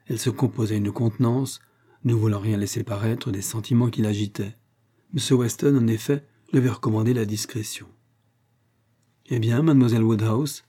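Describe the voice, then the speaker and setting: Male audiobook narrator, dark husky tone, measured reading of a classic novel. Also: on the low side, fairly even intonation.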